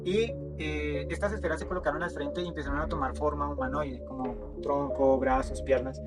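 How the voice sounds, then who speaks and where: A man's voice: a little high, steady tone, a little fast. A man telling his own story in a casual, hesitant way, with many fillers and repeated words. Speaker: interview guest sharing a testimony. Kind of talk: casual first-person storytelling. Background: music playing under the voice.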